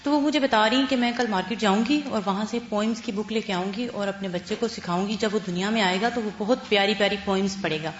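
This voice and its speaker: A woman's voice: mid-range voice, few pauses, slight background noise. A woman student telling the class a story earnestly. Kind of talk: sharing in class discussion. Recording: roomy, dull lo-fi classroom recording.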